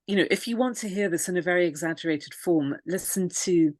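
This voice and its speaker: A woman, a pronunciation coach, explaining clearly in an interview with frequent "you know"s. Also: fairly low pitch, fairly quick, a little mellow, no echo.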